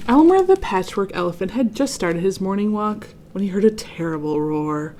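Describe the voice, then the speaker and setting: A woman's voice: mid-range voice, expressive, normal speed, mellow. A woman reading a children's picture book aloud and chatting to kids about the story in a friendly way.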